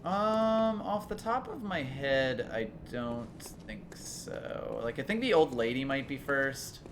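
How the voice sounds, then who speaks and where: A man gives casual gameplay commentary as co-host. His mid-pitched voice moves around a lot as he explains with dry humor. There is faint game noise behind him. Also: big pitch swings, slow pace. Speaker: video game let's play co-host.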